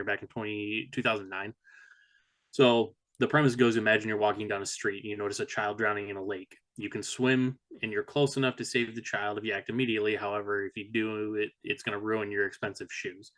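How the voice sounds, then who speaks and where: Male co-host, low and flat, dry and matter-of-fact. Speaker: podcast co-host. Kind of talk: casual podcast chat, posing a thought experiment.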